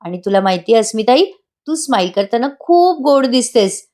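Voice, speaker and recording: A woman's voice: fairly high pitch, sing-song, moderate pace, dark tone. A woman reading out a young man's lines as he comforts and teases his sister, affectionate and reassuring. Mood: tender.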